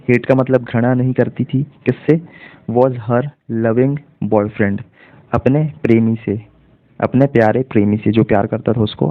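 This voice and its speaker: A man teaching English reading in Hindi, spelling each word letter by letter and then explaining its meaning. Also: mid-range voice. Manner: spells words letter by letter, then translates slowly. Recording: tinny phone-like audio.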